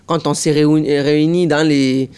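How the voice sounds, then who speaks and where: A man's voice: fairly high pitch, normal speed, clean tone. A young man talking casually as a guest in an interview, telling stories and dropping into voices now and then. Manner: lively storyteller, slips into voices and accents. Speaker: guest, impressionist.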